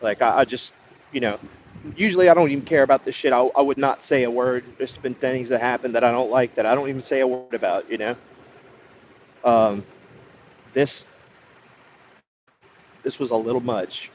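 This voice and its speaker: A man's voice: mid-range voice, a little fast, a little mellow, dull audio, a little hiss or hum. A man chatting casually to his livestream viewers, rambling and swearing, with hesitant restarts. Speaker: livestreamer greeting chat.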